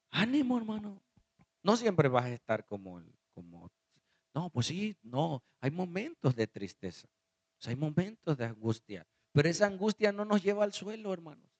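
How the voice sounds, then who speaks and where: A man preaching a sermon as pastor. He calls out to the congregation and reads scripture with dramatic shifts in his voice. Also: a little high. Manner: calls out to the congregation, asking them to follow along.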